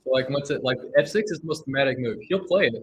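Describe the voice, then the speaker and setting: A man's voice: mid-range voice, lively intonation, fast, slight background noise, poor audio. A man commentating a chess game live, thinking aloud and often restarting his sentences.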